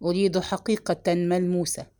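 A woman's voice: lowish voice, level tone, moderate pace, warm tone, lightly acted. A woman reading a harsh older patriarch. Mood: stern, angry. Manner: gruff commanding outbursts. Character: stern harsh older male family patriarch.

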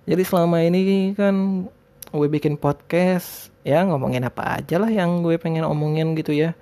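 Man, slightly high voice, lisped r sounds, casual podcast host, rambling and hesitant. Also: normal speed, mellow. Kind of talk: casual solo podcast talk.

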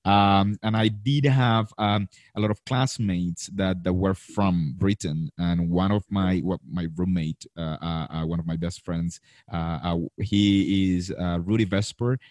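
A man's voice: deep voice, fairly even intonation, measured pace, darkish tone, no echo, studio quality. A man in his thirties hosting a live interview over a video call, chatty and full of fillers and restarts. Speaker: host.

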